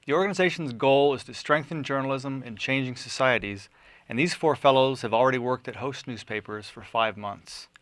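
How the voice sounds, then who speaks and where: A man hosting a panel interview with journalists, speaking in a measured way with many fillers and restarts. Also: mid-range voice, fairly bright tone, dry recording. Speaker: radio show host.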